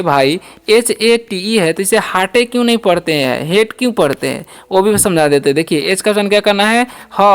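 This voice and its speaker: In a high, clean voice, a man teaches a beginners' spoken English lesson, going through it word by word. He poses questions and answers them himself, often checking in with "ठीक है".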